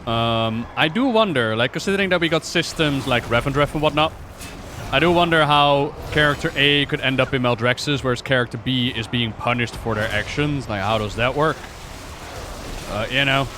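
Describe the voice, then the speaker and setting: A man's voice: medium pitch, normal speed, bright, forceful tone, slight background noise. A man giving casual livestream game commentary, rambling and musing aloud in a playful way. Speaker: game streamer and lore commentator. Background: game music and effects.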